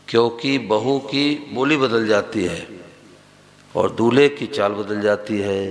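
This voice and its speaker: A man giving a devotional satsang discourse as a spiritual teacher, telling stories and acting out the dialogue. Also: medium pitch. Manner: storytelling, acting out quoted dialogue; addresses listeners directly.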